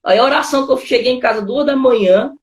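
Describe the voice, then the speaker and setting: A man with a very high voice talks at a quick pace in a reverberant space. He's a pastor with a Brazilian accent, casually telling his testimony and constantly using informal fillers such as "cara" and "né."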